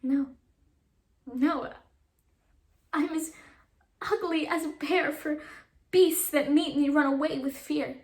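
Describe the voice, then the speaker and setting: A woman's voice: sits high, fairly even intonation, takes it slowly, pauses often. A young woman playing a lovesick young woman who feels plain and unloved, in a breathless, self-pitying classical monologue. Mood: forlorn. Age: young adult. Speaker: student actor. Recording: echoey room.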